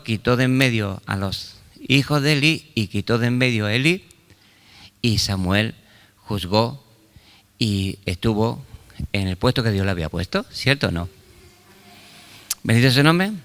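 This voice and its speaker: An older man preaches a sermon with fervor. He throws call-and-response questions at his listeners and punctuates his points with quick exclamations of praise. His voice sits at a middling pitch and rings with the long reverb of a large hall. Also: fairly bright tone, clean tone. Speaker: pastor.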